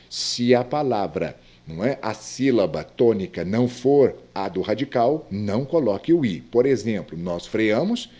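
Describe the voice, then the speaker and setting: This Portuguese grammar teacher speaks with a mellow, medium-pitched voice and a Brazilian accent. Throughout the lesson he poses quiz questions to the viewer, stressing them with emphatic rises and falls, then walks through each answer.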